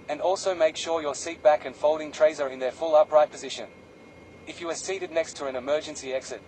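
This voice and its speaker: A man reading scripted cabin safety announcements as a flight attendant, formal and measured. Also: on the high side, darkish tone, slight background noise, rough recording.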